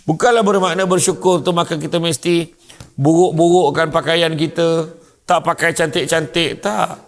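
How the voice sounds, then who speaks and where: A man giving a humorous religious lecture, telling comic stories in an animated way. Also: on the high side, normal speed, gravelly. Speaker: preacher. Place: mosque lecture hall.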